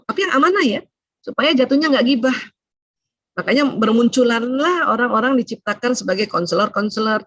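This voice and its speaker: A middle-aged woman doctor giving a chatty seminar talk to women, often adding "ya" as she explains, with sudden rises and hushed asides. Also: high voice, dull audio. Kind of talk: seminar lecture to a women's audience.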